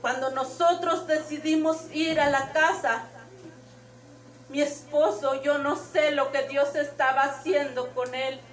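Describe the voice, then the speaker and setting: High-voiced woman giving church testimony. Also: fairly even intonation, measured pace. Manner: emotional, retells dreams and quotes. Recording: echoey room, distant mic.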